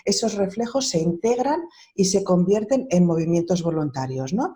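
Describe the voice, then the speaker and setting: A woman hosts an interview in a fairly low, mellow voice. She is friendly and conversational, often agreeing with short replies before steering things on. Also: lively intonation, moderate pace. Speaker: interview host.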